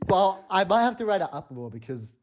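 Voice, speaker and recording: Laughing often, swearing and telling stories, a young adult man co-hosts a podcast in a playful, casual chat between friends. His high voice swings widely in pitch and moves briskly over a noisy background.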